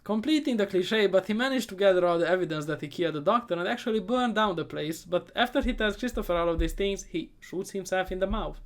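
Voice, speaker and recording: A man giving a comedic movie recap, sarcastic and profane, rambling and often trailing off into quieter asides. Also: high voice, quick pace, hardly any pauses. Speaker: movie reviewer.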